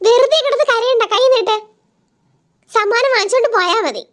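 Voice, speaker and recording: A woman's voice: very high voice, moderate pace, fairly bright tone, voice pushed up. A woman voicing a strict, scolding female schoolteacher in a homemade doll play. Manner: stern, scolding, threatens to cane.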